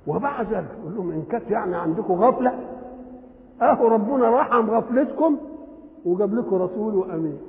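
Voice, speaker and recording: An older man with an Egyptian accent giving a lively religious lesson, often asking his listeners a question and then answering it himself. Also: high voice, creaky. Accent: Egyptian Arabic. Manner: animated, asks questions and answers them himself. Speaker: Quran commentator. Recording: tinny, echoey old hall recording.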